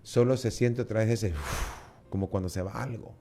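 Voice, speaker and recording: A man with a Guatemalan Spanish accent giving a lively personal testimony in an interview, acting out the dialogue and often repeating words. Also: fairly low pitch, moderate pace, slight background noise. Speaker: guest.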